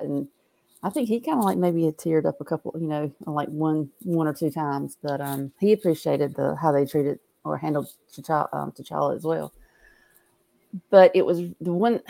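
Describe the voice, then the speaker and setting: Co-host: woman, low and gravelly, loose rambling delivery. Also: a little mellow. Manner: rambling, many fillers like "you know" and "um". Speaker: podcast co-host. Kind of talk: casual podcast chat.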